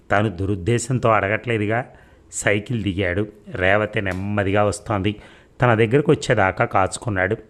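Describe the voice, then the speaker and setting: A man narrating an audio story in a steady, measured reading. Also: on the low side.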